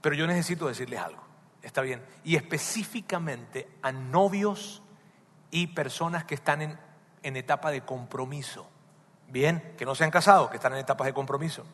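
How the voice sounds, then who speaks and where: A man's voice: fairly high pitch, moderate pace, fairly bright tone. A man preaching a sermon as a pastor, emphatic, who keeps asking his listeners direct questions. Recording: long reverb of a large hall.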